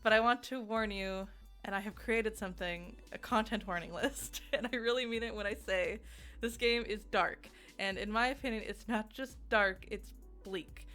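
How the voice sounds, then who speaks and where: Over background music, a female video game streamer rambles through a giggly, chatty review, frequently interrupting herself. She speaks at a moderate pace in a medium-pitched, fairly bright voice.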